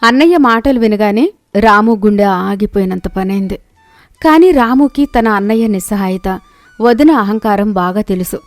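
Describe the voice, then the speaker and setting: A woman narrating a moral tale for an animated storybook in an even, expressive manner. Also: mid-range voice, normal speed, dry recording, faint music behind.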